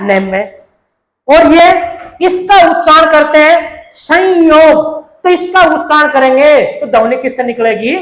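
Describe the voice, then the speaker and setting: A woman's voice: sits high, a bit bright. A woman, teaching a grammar lecture. She poses questions and answers them herself, repeating the key terms. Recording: echoey room.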